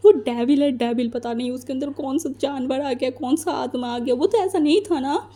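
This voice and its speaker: A woman voicing a hot-tempered young man in a fan-fiction story who shouts and stammers threats at his friends. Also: sits high, moderate pace. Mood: furious.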